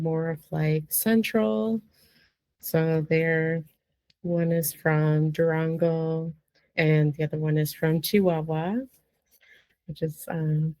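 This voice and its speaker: A woman from Colorado on a casual online panel, soft-spoken and hesitant. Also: low-pitched, dry recording. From Colorado, United States.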